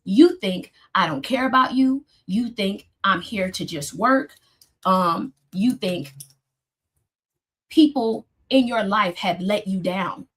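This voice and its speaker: A woman therapist giving casual advice to her viewers, emphatic and direct, calling them "y'all" and jumping up in pitch when she drives a point home. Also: fairly bright tone, breathy edge. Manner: emphatic, addresses listeners as "y'all", rises sharply when stressing points. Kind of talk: casual motivational talk.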